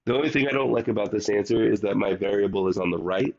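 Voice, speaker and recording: A man's voice: fairly low pitch, fast talker, creaky, darkish tone, muffled recording. A man teaching a recorded math lesson while under the weather, explaining step by step and speaking directly to his students.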